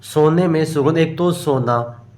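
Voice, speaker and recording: Slow, unhurried man explaining answers. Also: on the high side, a little mellow. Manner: explains step by step, asks and answers himself; slow and unhurried, often says "okay". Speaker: exam prep teacher. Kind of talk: solving a grammar test aloud.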